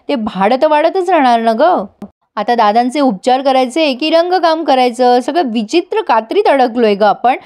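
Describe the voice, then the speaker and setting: A woman's voice: sits high, darkish tone, natural voice. A woman voicing a blunt, practical young man who talks matter-of-factly in a retold serial. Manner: reasoning, matter-of-fact.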